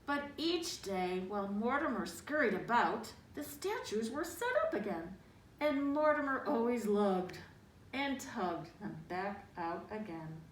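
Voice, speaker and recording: This storybook reader has an expressive, medium-pitched voice and speaks a little slowly. She dramatizes a children's picture book, adding asides to the young listeners, in a roomy recording from a distant mic with faint noise.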